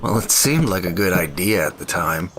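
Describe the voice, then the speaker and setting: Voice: low-pitched, lively intonation, normal speed, noisy background. An actor playing a glum, sardonic, apologetic wasteland survivor in a comic audio drama.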